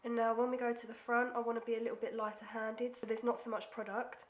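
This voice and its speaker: This young beauty vlogger's fairly high, level-toned voice moves at a quick pace as she chats through a makeup tutorial despite a cold-blocked nose. She pokes fun at herself and falls to near-whispers while concentrating, in an echoey room.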